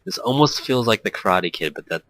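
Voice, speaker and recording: Brisk and expressive, a man with a lowish, pushed, bright voice plays host for a let's play, reading a visual novel aloud. Between quoted character lines he adds casual, jokey commentary, laughing frequently and correcting his own stumbles.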